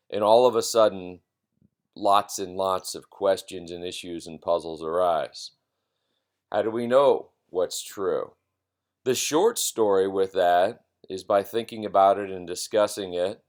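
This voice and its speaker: A man giving an informal philosophy lecture in a halting, reflective way, repeating phrases for emphasis. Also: low voice, darkish tone.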